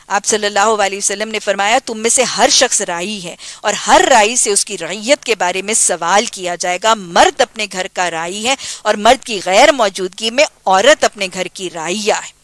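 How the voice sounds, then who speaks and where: A middle-aged woman with a Pakistani Urdu accent gives a religious lecture in an earnest, exhorting way, repeating phrases to drive her points home. Her voice sits at an ordinary middle pitch. The recording is close and dry. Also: fairly bright tone, dry recording. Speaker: Quran teacher.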